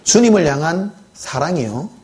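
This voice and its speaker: Lively preacher. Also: male voice, fairly high pitch, moderate pace. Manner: conversational storytelling, questioning the congregation. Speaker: pastor. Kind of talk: sermon. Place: church.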